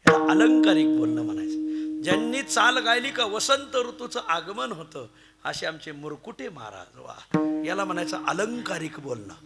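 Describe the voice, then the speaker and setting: High, gravelly-voiced male kirtan preacher. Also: normal speed, loud music behind the voice. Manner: animated storytelling, swinging between loud exclamations and hushed asides. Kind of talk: devotional kirtan sermon with storytelling.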